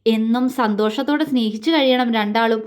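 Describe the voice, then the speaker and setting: A woman storyteller voicing a caring young husband, speaking softly and affectionately in an audio story. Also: on the high side, normal speed, lightly acted. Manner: soft, affectionate, reassuring.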